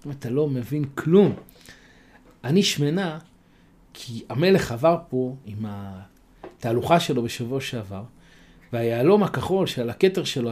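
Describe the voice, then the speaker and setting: A man's voice: high-pitched, darkish tone, pitched above the performer's own voice. Man doing a sly, taunting dove. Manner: taunting, scornful. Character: mocking, sly female dove.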